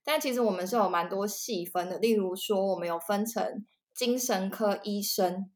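Female podcast guest, Taiwanese Mandarin accent, medium pitch, informal explanatory chat. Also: moderate pace. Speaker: podcast guest, counseling psychologist. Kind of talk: casual explanatory interview chat.

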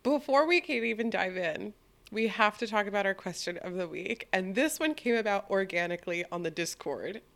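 A young woman co-hosting a podcast, playful and excitable, laughing often. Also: mid-range voice, moderate pace, gravelly. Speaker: podcast co-host. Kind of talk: casual chat.

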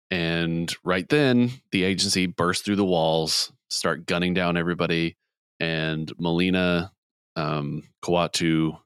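A man hosting a podcast, casually retelling a movie plot with quick voiced quotes. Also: low voice, fairly bright tone, smooth, no echo, clean studio sound. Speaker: podcast host. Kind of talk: casual movie recap chat.

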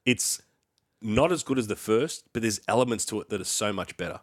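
A man's voice: fairly low pitch, lively intonation, a little fast, no room sound, clean studio sound. A man co-hosting a podcast in casual chat, laid-back and chiming in with short agreements and jokes. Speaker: podcast co-host.

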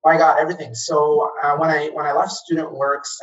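A man's voice: on the high side, level tone, a little fast. A man from Egypt who grew up in Kuwait, recounting his early career in an interview, with frequent fillers and restarts. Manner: hesitant, many fillers and restarts. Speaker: guest, former franchise operator. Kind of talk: conversational interview. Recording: distant, dull lo-fi sound.

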